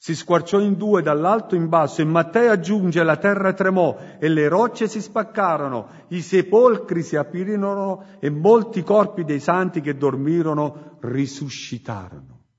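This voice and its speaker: Slow, husky Italian-sermon preacher man. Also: on the high side. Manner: slow, emphatic, swings from loud to hushed. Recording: muffled recording with long hall reverb.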